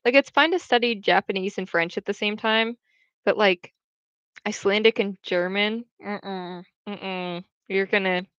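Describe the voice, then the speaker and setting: Hosting her casual stream, she reads viewer comments and wanders between French and English in a mid-range, slightly bright, clear and resonant voice, speaking a little slowly. There's no echo, and the home stream audio comes across dull and dry.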